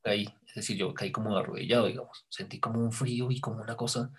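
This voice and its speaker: A man recounting a past experience in casual conversation, hesitant and searching for words, often dropping to a hushed near-whisper when he quotes his own thoughts. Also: lowish voice, steady tone, fast talker, slightly rough. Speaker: storyteller in a conversation. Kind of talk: casual spoken recollection.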